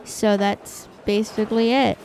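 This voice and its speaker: Slow, unsure woman host of a toy game, faint noise behind. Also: mid-range voice, steady tone. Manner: hesitant, many fillers. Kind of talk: casual toy play commentary.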